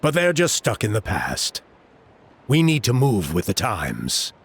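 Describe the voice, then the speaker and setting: Old village elder, low husky voice, lively intonation, formal and persuasive, video game dialogue. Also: male voice, a little slow, heavily acted. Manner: formal, smooth-talking, expansive. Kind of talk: video game character acting.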